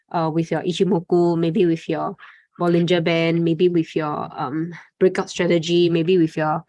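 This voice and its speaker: A woman's voice: lowish voice, a little mellow, no room sound, highs cut off. A young adult woman presenting a live trading webinar, chatty and informal, tagging lines with "okay" and "right?". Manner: conversational, frequent "okay" and "right?" tags, fillers. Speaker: trading instructor.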